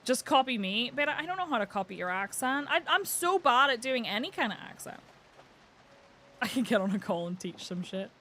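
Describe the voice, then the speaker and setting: A woman's voice: on the high side, very animated, moderate pace, bright, forceful tone. A woman with an Irish accent chatting casually on a live game stream, rambling with lots of filler words. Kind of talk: casual live-stream chat while gaming. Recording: clear background noise with clicks.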